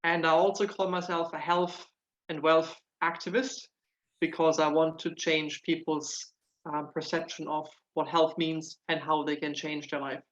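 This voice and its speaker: This guest, a German-born nutritional therapist whose accent has an Irish tinge, answers casual interview questions in a fairly high, fairly bright voice. His delivery is flat and unhurried but earnest, with words often repeated as he looks for what to say. The audio quality is lo-fi.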